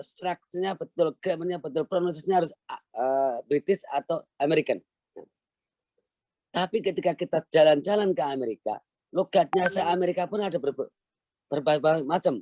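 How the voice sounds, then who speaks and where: A man's voice: a little high, warm tone, no room sound. A middle-aged man gives an earnest, motivational online lecture. He is the founder of a language village and repeats key phrases for emphasis. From Central Java, Indonesia.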